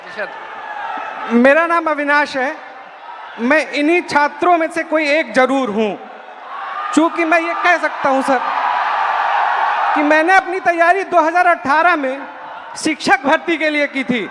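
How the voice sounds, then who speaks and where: A man's voice: extremely high pitch, measured pace, long pauses, over a noisy crowd. A young man, a student job aspirant, giving earnest public testimony in an emphatic, raised and respectful voice. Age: young adult. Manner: emphatic, raised voice, deferential address. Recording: noisy hall with long echo.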